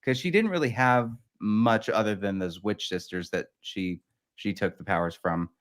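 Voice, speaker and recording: A man's voice: lowish voice, moderate pace. A man chatting as a guest in a casual talk, wry and jokey. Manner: jokey, wry, laughs often. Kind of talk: casual chat.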